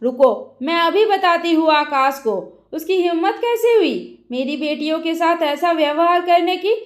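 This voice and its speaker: A woman voicing an angry middle-aged mother who shouts and scolds her son, in a roomy echo. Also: very high-pitched, unhurried. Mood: furious.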